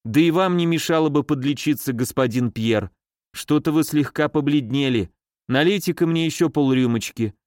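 A man's voice: on the high side, normal speed, a little mellow, dry recording, clean studio sound, close to an everyday voice. A man voicing a mannered, easily frightened female nurse in an audiobook. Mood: tipsy, chatty. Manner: mannered, fussy, shrieking when afraid.

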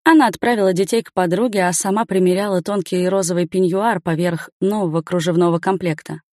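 A woman narrating a story aloud in an even, matter-of-fact reading. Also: fairly low pitch, brisk, dry recording, clean studio sound. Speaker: audiobook narrator. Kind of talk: scripted narration.

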